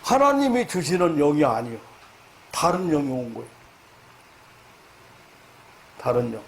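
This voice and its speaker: A man preaching a sermon lecture as a pastor, halting with fillers, then rising loud and high to stress his points. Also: very animated, a little hiss or hum. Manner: halting, many fillers and restarts.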